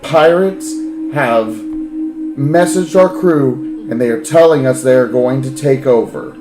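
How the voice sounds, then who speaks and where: Man voicing intercom announcer, urgent, pleading, slow, raised, roomy echo, music in background. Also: mid-range voice, pitched above the performer's own voice, lightly acted.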